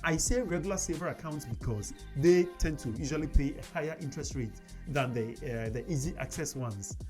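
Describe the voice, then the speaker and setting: A man's voice: fairly high pitch, a little fast. Chatty man with many "you know"s. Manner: conversational, frequent "you know" fillers. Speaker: personal finance video host. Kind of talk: casual to-camera finance talk. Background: faint background music.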